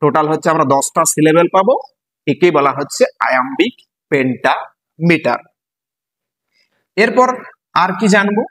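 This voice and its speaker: A man's voice: a little high, lively intonation, normal speed, long pauses, fairly bright tone, a little hiss or hum, poor audio. A male teacher from West Bengal with a Bengali accent, explaining a poem to students. He spells words letter by letter and asks the class questions.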